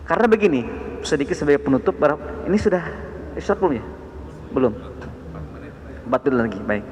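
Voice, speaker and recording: A man with a Sundanese accent teaching a dawn study session on the Quran, with animated rising emphasis on key words. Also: a little high, brisk, a little hiss or hum. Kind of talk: mosque study sermon. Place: mosque. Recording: echoey mosque hall.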